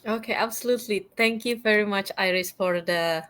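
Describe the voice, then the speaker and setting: A woman's voice: mid-range voice, fairly quick, a bit bright. A woman from Indonesia, talking as a guest over a video call in a friendly, casual way full of fillers. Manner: friendly, with "you know" and fillers. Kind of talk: casual interview talk.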